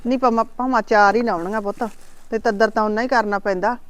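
A woman acts in a village family drama as a worried middle-aged mother who frets and scolds in homely village talk. Her natural voice is a little high, fairly even in intonation, and quick.

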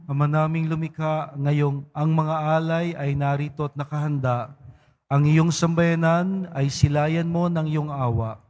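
A man serving as a priest, leading mass prayers in a solemn, measured recitation. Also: fairly high pitch, fairly even intonation, darkish tone. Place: large church. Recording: long church reverb.

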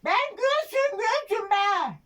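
An elderly villager with a thick Aegean Turkish accent in a comic prank call. The voice is extremely high and sharp, dragging slowly through muddled, insistent, repetitive village talk. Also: expressive, heavily acted. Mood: confused, nagging. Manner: rambling, repetitive, colloquial village speech. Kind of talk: prank phone call in regional dialect.

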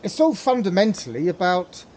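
A man's voice: high-pitched, very animated, moderate pace, darkish tone, a little hiss or hum. A man hosting a casual how-to demonstration, talking hesitantly with many fillers and repeated words. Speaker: pipe tobacco hobbyist, channel host.

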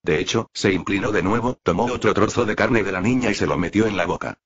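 A man narrating a fan novel audiobook in a steady reading voice. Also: on the low side, quick pace, slightly rough, highs cut off. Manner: steady reading of a translated text.

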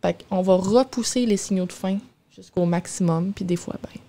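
Speaking at a normal speed with a dark, medium-pitched voice, a young Québécois-accented nutritionist guests on an informal interview. She explains things casually into a boom-arm studio microphone, wearing headphones, in a small radio studio indoors.

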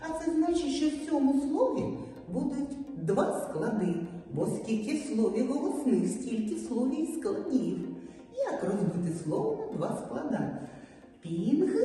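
A middle-aged woman teaching young children in a large hall, speaking slowly and stretching out words for them. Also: fairly high pitch, warm tone. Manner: slow, drawn-out speech, stretching words for children. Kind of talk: early-years classroom lesson. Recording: echoey hall, voice from far off, faint music.

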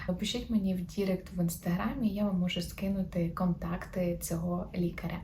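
A woman's voice: fairly low pitch, fairly even intonation, slight background noise. A young woman from Ukraine, a new mother, talking openly in a casual personal vlog. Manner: chatty and open, quick soft laughs.

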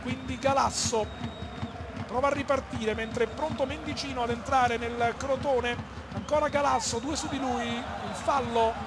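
A man commentating live on a football match in an excited, emphatic manner. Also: very high voice, unhurried. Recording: loud stadium noise behind commentary.

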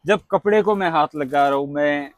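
A man vlogging a walkthrough of a saree wholesale shop, excitable and quick to repeat his praise. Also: on the high side, highs cut off, crowd noise. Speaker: market vlogger. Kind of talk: casual showroom walkthrough.

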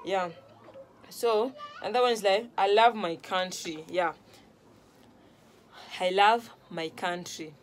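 Sitting on a couch at home in a small room, this young Luo-speaking Kenyan vlogger teaches phrases to camera. She speaks slowly in a mid-range voice with long pauses, in a relaxed, repetitive style, frequently making sure viewers follow. A faint hiss or hum is present.

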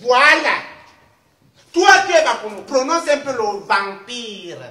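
A woman playing a loud, teasing comic news anchor in a mock news sketch. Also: on the high side, expressive, takes it slowly, full character voice. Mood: bossy. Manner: loud, teasing, swings up into exclaiming. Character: brash female TV news anchor, customs officer. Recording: echoey room.

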